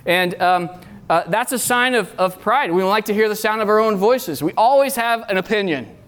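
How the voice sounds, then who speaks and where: High-pitched guy giving a sermon, repeats himself for emphasis, earnest. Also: normal speed, a bit bright, clean tone. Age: middle-aged. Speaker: youth pastor. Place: retreat meeting room.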